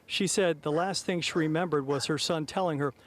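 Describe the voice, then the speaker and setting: Higher-voiced man reporting live news outdoors. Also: a bit bright. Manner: measured, formal broadcast delivery. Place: outdoors outside a city courthouse. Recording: live outdoors on an urban street.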